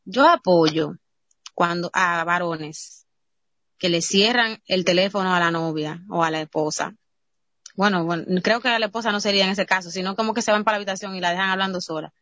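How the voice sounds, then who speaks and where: A Dominican woman with a Dominican Spanish accent, co-hosting a podcast and telling stories in a lively, opinionated way. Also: fairly low pitch, fairly quick, no echo. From Dominican Republic. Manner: lively storyteller, acts out quotes. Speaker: podcast co-host. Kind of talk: casual discussion.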